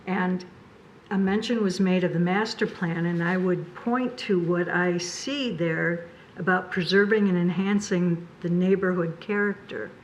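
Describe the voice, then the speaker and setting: A woman on a city zoning board giving her view in discussion, measured and deliberate, citing the master plan. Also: fairly low pitch, dull audio, a little hiss or hum.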